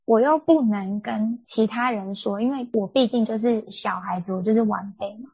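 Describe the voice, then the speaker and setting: A young woman co-hosting a podcast, telling a family story in an animated, indignant way. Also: a little high, normal speed, slightly rough, dry recording. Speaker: podcast co-host. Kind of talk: casual storytelling chat. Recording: dull lo-fi dry sound.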